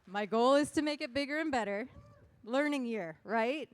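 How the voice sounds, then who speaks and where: A woman's voice: sits high, moderate pace, no room sound. A woman emceeing a costume contest on stage, chatty and joking as she rallies the crowd. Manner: chatty, joking, rallying the audience. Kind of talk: lively stage hosting to a crowd.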